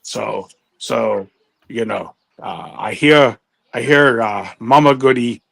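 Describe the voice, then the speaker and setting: A man's voice: mid-range voice, slow, vocal fry, fairly bright tone, dry recording, pitched below the performer's own voice, full character voice. A man voicing a goofy male ninja entertainer who talks in clipped broken English and mock-wise sayings. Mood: jokey. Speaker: recurring comic guest.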